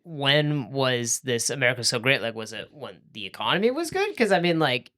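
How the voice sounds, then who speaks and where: Bright-voiced, wry man co-hosting a podcast. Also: medium pitch, normal speed. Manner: chatty, wry, gets animated when riffing. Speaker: podcast co-host. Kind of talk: casual film discussion podcast.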